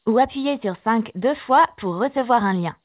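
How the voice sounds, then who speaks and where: Slick hotline announcer: bright salesy patter, highish voice, tinny line. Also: female voice, lively intonation, moderate pace. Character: smooth female ad announcer for a phone chat service. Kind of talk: ad voice-over.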